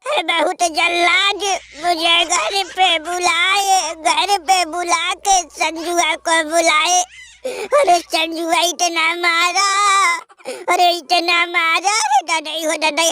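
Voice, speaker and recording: A man's voice: very high-pitched, sharp tone, full character voice. A man voicing a self-pitying defeated male cricket rival who wails and half-laughs while crying, in a comedic dubbed sketch. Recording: noisy recording with clicks.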